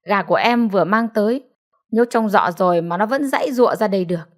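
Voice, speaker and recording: Brief: gentle elderly country mother, deferential and soft-spoken, as a woman narrator puts her on. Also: medium pitch, quick pace, lightly acted. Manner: polite, hesitant, deferential. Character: humble, timid old country grandmother.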